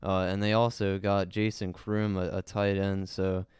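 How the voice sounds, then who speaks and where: A man co-hosting a podcast in casual sports chat, speaking in a calm, measured way. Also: sits low, clear, resonant tone, dry recording, studio quality. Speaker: podcast co-host.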